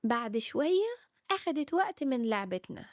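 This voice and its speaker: A woman with an Egyptian Arabic accent voicing a calm, orderly big sister who speaks patiently. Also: sits high, normal speed, no room sound, clean studio sound. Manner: calm, patient, gently wise.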